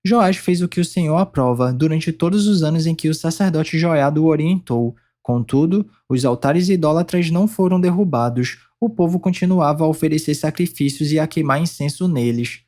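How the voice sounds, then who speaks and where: A man reads scripture aloud in a warm, mellow voice that sits a little high for a man. His delivery is steady and measured, with clear pauses between phrases. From Brazil. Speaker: Bible reader.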